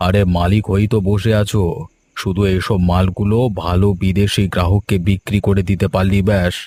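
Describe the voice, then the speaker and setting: Man voicing cartoon village crook, sneering, bossy, very deep voice, flat delivery. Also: fairly quick, slight background noise, natural voice. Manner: sneering, commanding. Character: scheming menacing male village crook. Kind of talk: cartoon voice acting.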